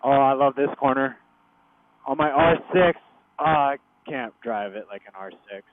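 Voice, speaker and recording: This rider's mid-range voice is animated and moves at normal speed as he chats casually through his motorcycle helmet intercom. There's no echo, just the dry, tinny sound of the intercom radio.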